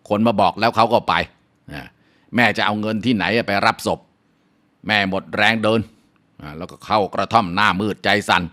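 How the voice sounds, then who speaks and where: A man narrating a folk tale in a steady, measured way, with drawn-out filler sounds between phrases. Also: on the low side. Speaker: storyteller.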